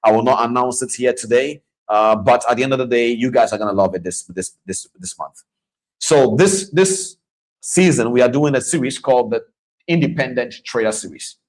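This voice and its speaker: Recorded roughly, a man with a mid-range voice speaks at normal speed. He's a trading coach hosting a live-stream masterclass, chatting, repeating himself, and giving shout-outs to viewers by name.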